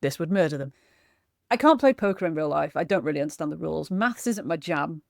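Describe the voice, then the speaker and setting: A woman's voice: deep voice, expressive, fast talker, creaky, darkish tone, no room sound, clean studio sound. A woman chatting casually about games she played, self-deprecating and laughing often. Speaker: gaming vlogger and streamer. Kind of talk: casual chat reviewing games.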